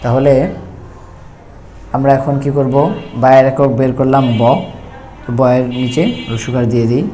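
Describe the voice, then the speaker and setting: A man teaches Quran letters in a calm, even, mellow voice. He goes step by step and stretches each sound out slowly. A faint hiss sits under the recording. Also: mid-range voice. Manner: slow, repetitive, drawn-out letter sounds. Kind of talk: step-by-step recitation lesson.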